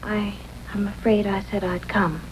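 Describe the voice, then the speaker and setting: A woman's voice: mid-range voice, fairly even intonation, unhurried, close to an everyday voice. An actress playing an anxious, guarded young wife and mother in a 1950s TV broadcast drama, speaking hesitantly and earnestly. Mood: uneasy. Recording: noisy old 1950s TV soundtrack.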